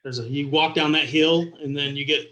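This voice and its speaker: A visiting king with a Texas and Oklahoma Southern accent chats playfully as an interview guest on a video call, exaggerating for laughs. His fairly high voice has fairly even intonation and a slightly fast pace, recorded in low quality with a crowd audible behind him.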